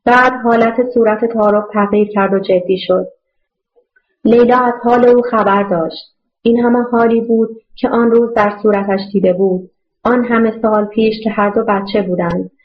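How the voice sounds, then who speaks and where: A woman narrates a novel in a steady, measured reading voice. Her pitch sits fairly high for a woman. The recording is dull and lo-fi, lacking clarity in the top end. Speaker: audiobook narrator. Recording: muffled lo-fi audio.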